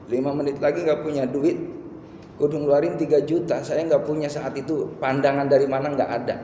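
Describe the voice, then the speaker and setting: A middle-aged man preaching a sermon, telling a personal story in a conversational way that swells into impassioned, high-pitched delivery. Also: mellow, slight background noise. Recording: echoey hall with faint ambience.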